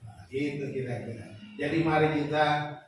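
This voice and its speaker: A man preaching a lively sermon as pastor, acting out quotes and rising to shouts. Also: a little high, normal speed. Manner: animated, shouting peaks, acts out quotes. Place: large church hall. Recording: echoey hall from far off, faint noise.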